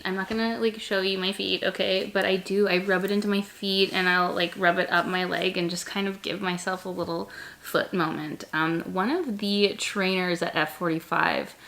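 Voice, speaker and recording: A woman's voice: mid-range voice, steady tone, normal speed, vocal fry, a bit bright. A woman chatting casually and effusively as a vlogger, with a slight lisp from wearing retainers. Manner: effusive, gushing about products. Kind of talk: casual chatty product vlog. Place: bedroom, on the bed.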